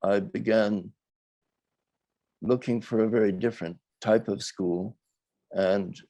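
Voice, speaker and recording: An older man, a documentary filmmaker, talks reflectively in an interview, choosing his words in a thoughtful, measured and hesitant way. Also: fairly low pitch, steady tone, warm tone, dry recording.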